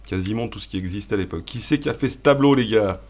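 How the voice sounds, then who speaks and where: A man hosting a gaming video, joking and shouting at the game as he plays and talks to his viewers. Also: on the low side, fast. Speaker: gaming channel host. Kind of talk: live let's-play commentary.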